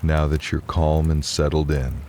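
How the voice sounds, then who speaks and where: A man with a very deep voice gives a calm, unhurried, soothing narration for guided relaxation and bedtime storytelling. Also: a little hiss or hum.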